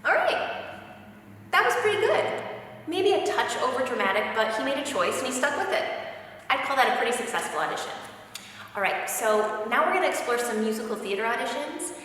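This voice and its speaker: A woman directing auditions, briskly interrupting and giving notes. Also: high-pitched, big pitch swings, a bit bright, slight background noise. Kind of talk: instructional talk. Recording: echoey hall from far off.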